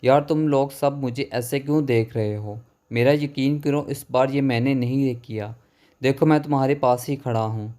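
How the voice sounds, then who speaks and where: A man's voice: mid-range voice, warm tone, close to an everyday voice. A man doing a teasing prankster lad. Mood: pleading. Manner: teasing, joking. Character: prankster young male friend who teases.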